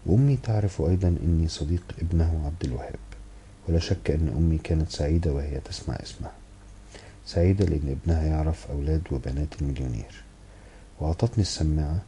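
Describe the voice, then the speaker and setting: A man with an Egyptian accent reading a novel aloud in the first person, measured, with wry asides. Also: rumbling low, mellow, a little hiss or hum, rough recording. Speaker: audiobook reader.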